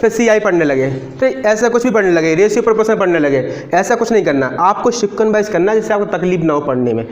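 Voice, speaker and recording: A man's voice: high voice, animated, fast talker, hardly any pauses, echoey room. A man teaching maths to a live class in a casual lecture style, often stopping to ask students whether they follow. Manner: talkative, asks students frequent check questions.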